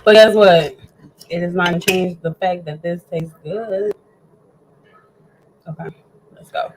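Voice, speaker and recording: A woman's voice: fairly low pitch, fairly even intonation, slow pace, a little hiss or hum, poor audio. A woman hosting a casual home cooking show, chatting eagerly with her viewers as friends while she eats with her mouth full. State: eating, talking with mouth full.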